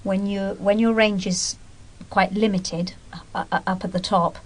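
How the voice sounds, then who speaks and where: A woman's voice: mid-range voice, level tone, unhurried, rough recording. Thoughtful woman voice actress. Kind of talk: interview answers.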